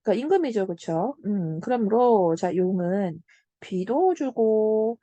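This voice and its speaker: A young woman tutoring Korean literature in an online lecture, explaining patiently, checking in with the student and slowing down on key terms. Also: medium pitch, animated, warm tone, no echo, highs cut off.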